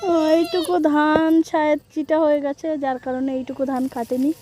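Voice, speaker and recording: Hoarse woman vlogger, high-pitched, playful mock-complaining, filmed outdoors on a phone. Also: fairly even intonation, moderate pace, music in the background. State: hoarse from a cold. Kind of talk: casual vlog chat to viewers. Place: outdoors in open farm fields.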